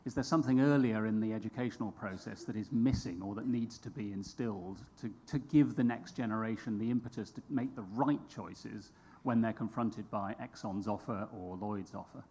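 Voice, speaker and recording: A man moderating a conference panel, asking measured, probing questions. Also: lowish voice, warm tone, slight background noise.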